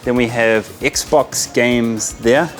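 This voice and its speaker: With faint music behind him, this New Zealand host talks slowly at medium pitch with fairly even intonation. He's enthusiastic and chatty, tossing in Urdu greetings and interjections as he vlogs casually from small game shops in a Pakistani market.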